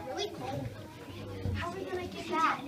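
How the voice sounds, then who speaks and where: A woman on the tour calls out short exclamations in a high, bright voice. The cave echo carries her words with a long tail. She is heard from a distance, with other visitors faintly around her. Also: moderate pace, slight background noise. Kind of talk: casual remarks. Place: inside a large cave. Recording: echoey cave from far off, faint crowd.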